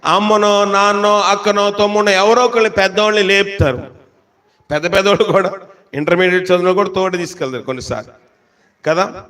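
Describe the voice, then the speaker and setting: A man with a high voice preaching a sermon. He keeps asking his listeners questions, then slows right down to quote scripture with heavy emphasis. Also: a bit bright. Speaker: pastor.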